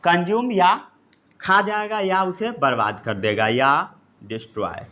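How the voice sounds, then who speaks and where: In a Hindi science class lecture, a man with a high-sitting, pushed, bright voice says key terms slowly and repeats them, as if dictating notes. He frequently checks that his students are keeping up.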